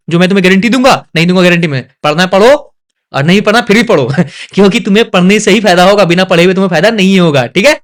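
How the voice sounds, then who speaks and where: High, fast-talking young male tutor. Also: a bit bright. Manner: quick, repetitive questioning of students, scolding and coaxing. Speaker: exam coaching teacher. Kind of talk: casual online exam lesson.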